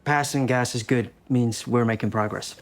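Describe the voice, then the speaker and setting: An actor playing an easygoing hospital resident in a naturalistic TV medical drama. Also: male voice, mid-range voice, fairly even intonation, normal speed, lightly acted. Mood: matter-of-fact.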